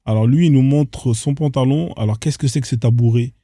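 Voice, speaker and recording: A man hosts casual reaction commentary on strange internet clips, incredulous and firing off rhetorical questions in street slang. His voice is mid-range and mellow, fairly quick, with no room sound.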